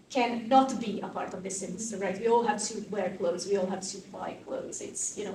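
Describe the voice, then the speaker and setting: A Croatian fashion activist, interviewed at a conference venue, answers conversationally with animation, thinking aloud and using many fillers. Her mid-range voice sounds distant, picked up by a far-off mic in an echoey room with faint noise.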